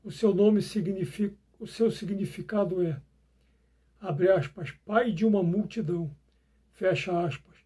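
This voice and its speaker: A man's voice: high voice, a little slow, mellow, husky. A Brazilian man teaching a Bible lesson as if dictating, reading in short phrases and speaking the punctuation aloud.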